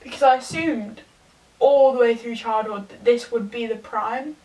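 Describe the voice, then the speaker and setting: A young woman, tipsy, giving a rambling, halting confessional rant to a camera some distance away. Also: a little high, fairly even intonation, a little mellow. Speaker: vlogger. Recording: distant from the mic.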